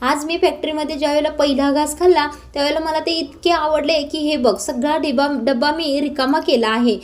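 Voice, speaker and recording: A woman's voice: sits high, fairly even intonation, brisk, natural voice. A woman reading a stern young estate owner. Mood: pleased. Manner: stern, commanding.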